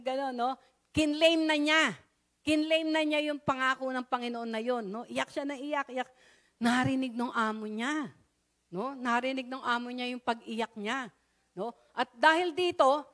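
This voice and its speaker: A Filipino woman preaching a sermon, telling a story and often checking in with the congregation with a quick tag question. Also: high voice. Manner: frequent "no?" tag questions, warm storytelling with rising excitement. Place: church service.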